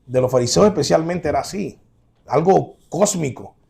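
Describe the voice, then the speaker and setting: A man in the pulpit preaching with emphatic swings from loud exclamations to hushed asides. His voice sits high for a man and carries a gravelly fry, and he keeps turning to the congregation with direct questions. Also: expressive, normal speed. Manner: addresses listeners directly as brothers, asking rhetorical questions. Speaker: pastor. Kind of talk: sermon.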